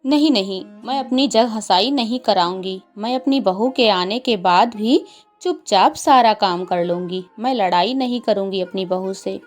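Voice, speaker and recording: A woman voicing a gentle, anxious middle-aged mother bird in a cartoon, speaking softly and pleadingly. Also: mid-range voice, a little slow, soft background music, close to an everyday voice. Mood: worried.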